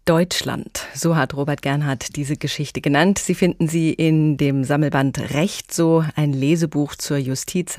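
A woman presenting a culture radio program, introducing segments in a measured way. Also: low-pitched, darkish tone, dry recording, clean studio sound.

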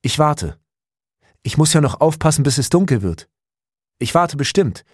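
A man voicing a small boy in war ruins, speaking quietly and tiredly, read from an audiobook. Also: fairly high pitch, expressive, normal speed, slightly rough, dry recording, studio quality, voice pushed up. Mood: eager. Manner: quiet, hushed.

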